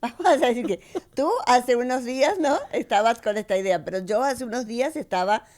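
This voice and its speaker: A woman from Argentina with an Argentine accent, co-hosting a podcast, reflective and quick to laugh. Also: on the high side, darkish tone. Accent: Argentine Spanish. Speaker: podcast co-host. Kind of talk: casual podcast chat. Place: farmhouse among orange trees.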